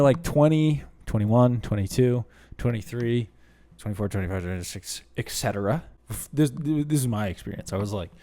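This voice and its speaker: A man's voice: medium pitch, darkish tone. Rambling man in his late twenties. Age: late 20s. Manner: rambling, self-deprecating, conversational with restarts. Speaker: channel host. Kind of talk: casual Q and A vlog.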